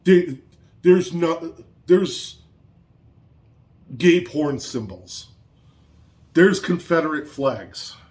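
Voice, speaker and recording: A man's voice: on the high side, expressive, extremely slow, long pauses, darkish tone. A man angrily ranting in a vlog, swearing constantly and repeating points for emphasis. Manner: angry, profane, heated. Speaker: vlogger.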